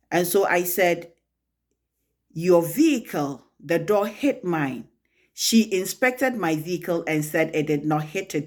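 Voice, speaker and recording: Indignant woman telling a story. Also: deep voice. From Africa. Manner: indignant, emphatic retelling with rising outbursts. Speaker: vlogger. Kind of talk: storytelling vlog.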